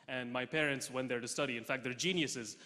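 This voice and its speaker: Bright-voiced young male stand-up comic. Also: medium pitch, brisk. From Russia. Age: young adult. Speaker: stand-up comedian. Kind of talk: stand-up comedy set. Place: large theatre stage with audience. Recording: hall reverb, faint noise.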